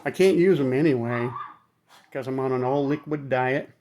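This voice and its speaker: A man's voice: mid-range voice, moderate pace, noisy background. Blunt, rambling man with numb-mouthed speech. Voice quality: numb-mouthed speech from temporary teeth after surgery. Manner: rambling, blunt, swears freely. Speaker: vlogger recounting his dental surgery. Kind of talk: casual talk to camera.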